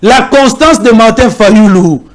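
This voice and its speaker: Political guy on a talk show, really high voice, gets worked up and says stuff twice. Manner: animated, rapid, repeats himself. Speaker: political guest. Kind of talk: heated political debate in French and Lingala.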